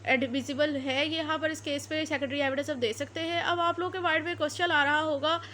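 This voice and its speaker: A Pakistani-accented woman delivers an explanatory law lecture in Urdu and English, often repeating and rewording her points. She speaks briskly in a high, bright, forceful voice with fairly even intonation, and a little hiss or hum is audible.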